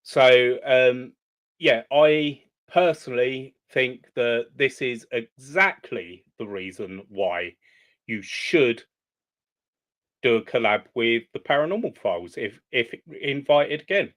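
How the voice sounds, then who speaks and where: A man's voice: medium pitch, fairly bright tone. Hesitant man giving video commentary. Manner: measured, hesitant, frequent ums. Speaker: reaction video host.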